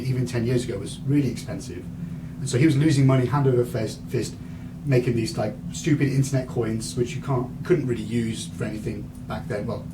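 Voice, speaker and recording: Man, 30s, rambling lecturer, mid pitch, heard from far off. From England. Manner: rambling, many fillers and restarts. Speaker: guest lecturer. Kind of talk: university lecture. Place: university lecture room. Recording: distant mic, audible room noise.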